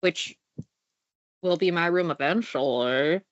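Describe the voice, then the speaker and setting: On a muffled, lo-fi recording, a young woman who sounds congested co-hosts a podcast in casual chat. Her voice sits on the low side, and she takes her time, teasing and cursing without restraint.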